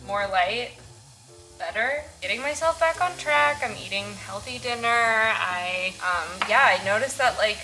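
A young woman in her twenties with a slightly raspy voice, chatting casually to camera in her apartment kitchen, full of "like" and "um". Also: medium pitch, unhurried, over music, poor audio. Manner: chatty, relaxed, lots of "like" and "um". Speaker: vlogger. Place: small apartment kitchen, indoors.

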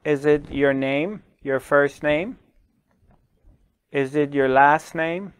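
Speaking slowly to the camera, a middle-aged male spiritual teacher leaves long pauses and repeats questions. His voice is a little high, clear and resonant, captured on a lapel mic in a small dark indoor studio with no room sound.

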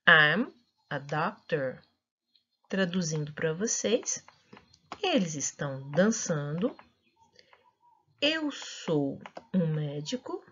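A woman's voice: deep voice, sing-song, extremely slow, long pauses, a bit bright. A woman with a Brazilian Portuguese accent, an English teacher carefully explaining grammar to her students and drawing out her example phrases. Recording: dull lo-fi recording.

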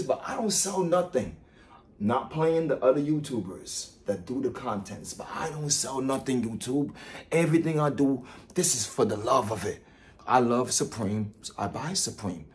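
A vlogger and product reviewer, a man of around thirty, talks casually to his viewers in a boastful, emphatic manner and often repeats his phrases. His voice is medium in pitch with a darkish tone.

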